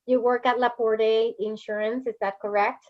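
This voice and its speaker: A podcast host from Puerto Rico, a native Spanish speaker with a Puerto Rican Spanish accent, conducts a chatty interview and laughs easily. Her voice is a little high with a flat delivery at normal speed, and the audio is dull.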